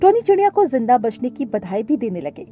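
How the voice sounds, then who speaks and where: A woman narrating a children's cartoon story in a clear, expressive storytelling voice, recorded as a studio voice-over. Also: a little high, brisk, highs cut off, faint music behind.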